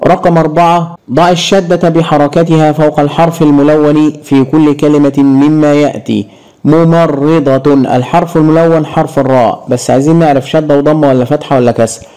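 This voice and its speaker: Patient Egyptian teacher, mellow voice. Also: male voice, on the high side, steady tone, smooth, poor audio. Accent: Egyptian Arabic. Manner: slow, patient, stretching out syllables to demonstrate sounds. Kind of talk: grammar lesson for parents.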